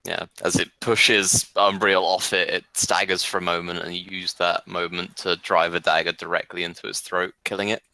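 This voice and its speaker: A man running a tabletop game as game master, narrating combat in plain, measured description. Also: sits low, little pitch movement, bright, forceful tone, no room sound.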